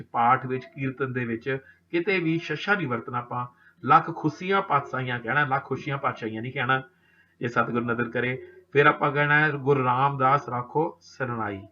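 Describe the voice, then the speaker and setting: A man with a Punjabi accent reciting Sikh scripture in a steady chant, pausing to instruct the congregation earnestly. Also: on the high side. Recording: dull lo-fi recording.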